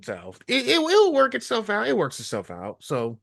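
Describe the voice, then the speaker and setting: A man's voice: high-pitched, huge pitch swings, normal speed, vocal fry, a bit bright, no echo, studio quality. A man hosting a casual interview, informal and emphatic, often repeating his phrases for emphasis. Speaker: interview host.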